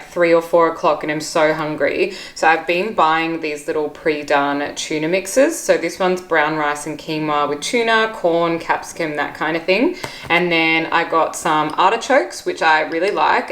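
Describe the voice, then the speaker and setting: A chatty young woman vlogging casually about her day, her voice sitting a little low. She talks easily and apologizes for her hiccups as they come. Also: fairly bright tone. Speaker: vlogger and interior designer. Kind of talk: casual vlog chat.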